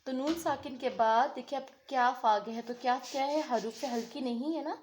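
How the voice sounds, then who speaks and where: A woman explains Quran recitation rules with patient repetition, putting a question to the class and answering it herself. Her voice sits a little high, and the room gives it a noticeable echo. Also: moderate pace, a little mellow, slight background noise. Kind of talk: online tajweed lesson.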